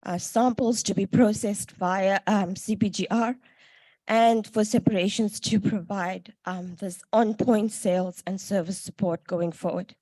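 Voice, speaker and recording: A woman giving a conference presentation, slightly out of breath, pausing often with ums and uhs. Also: medium pitch, steady tone, warm tone, dry recording, rough recording. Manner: hesitant, frequent ums and uhs.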